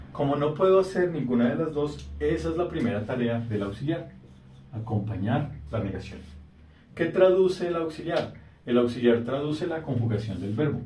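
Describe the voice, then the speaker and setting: A man who teaches English explains grammar in a patient lesson, slowing down to stress key words for his learners. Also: mid-range voice, a little mellow, a little hiss or hum. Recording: roomy sound from a distance.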